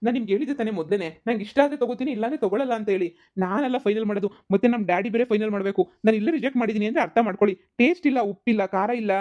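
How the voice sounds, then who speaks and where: A performer voicing a stern, fast-talking young businessman. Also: mid-range voice, darkish tone, natural voice. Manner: stern, lecturing, ends lines with "okay?". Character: strict young male businessman judging products. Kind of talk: cartoon voice acting.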